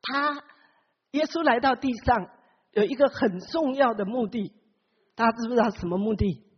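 High, husky woman preaching in a reverberant hall. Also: normal speed. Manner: keeps asking the congregation questions; acts out the Bible characters with big swings in pitch. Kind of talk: sermon. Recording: long hall reverb, dull lo-fi sound.

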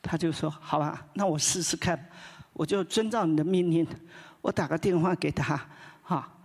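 A woman pastor preaching in a relaxed storytelling manner, often ending phrases with a soft "ha". Her voice is husky and a little breathy. The sound rings with the long reverb of a big hall. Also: deep voice, moderate pace. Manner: conversational, tags phrases with a soft "ha"; lively retelling with many restarts. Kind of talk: sermon storytelling.

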